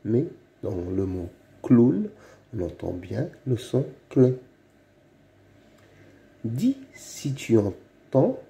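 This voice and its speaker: A man giving a slow phonics reading lesson for young children, saying each word several times over. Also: on the low side, creaky, dark tone. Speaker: reading teacher.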